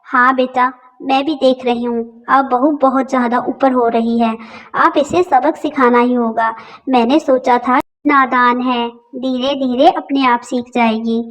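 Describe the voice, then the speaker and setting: A woman voicing a tired older mother-in-law who begs the family to keep quiet. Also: high-pitched, fairly even intonation, unhurried, rough recording. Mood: weary. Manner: pleading, hushing.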